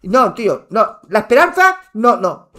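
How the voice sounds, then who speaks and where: A male gaming streamer ranting to his chat, heated and almost shouting, repeating himself and swearing, while wearing headphones. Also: sits high, sing-song, a little slow. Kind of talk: live stream rant.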